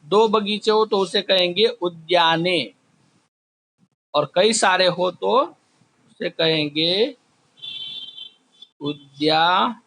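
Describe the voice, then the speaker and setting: A man teaching a class, slowly drilling word forms, asking questions and answering them himself. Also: high voice, fairly bright tone, a little hiss or hum. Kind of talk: slow classroom explanation. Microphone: recorded while writing on a board.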